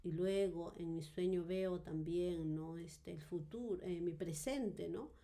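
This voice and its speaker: Gravelly low-voiced woman giving a testimony. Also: takes it slowly, dark tone. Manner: hesitant, with frequent fillers and tag questions; earnest and reflective storytelling. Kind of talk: personal testimony in a podcast interview.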